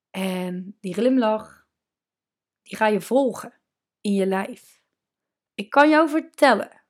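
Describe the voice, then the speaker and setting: A woman coach runs a solo podcast in a relaxed yet emphatic style. She sprinkles in English terms and eases her pace whenever she wants a point to land, all in a mid-range voice.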